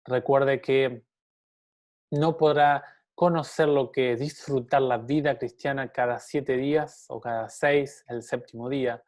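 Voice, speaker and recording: A man's voice: mid-range voice, steady tone, unhurried, darkish tone. A man giving a Bible teaching sermon in an earnest tone, speaking straight to the listener and posing rhetorical questions.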